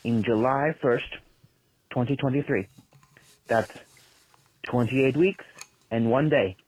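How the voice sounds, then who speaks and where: A man's voice: medium pitch, takes it slowly, darkish tone, no echo. A man leaving a rambling, chatty voice message that is played back from a phone voicemail, with many ums and uhs. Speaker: listener leaving a voicemail for the podcast. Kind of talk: casual voice message. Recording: tinny phone-line voicemail.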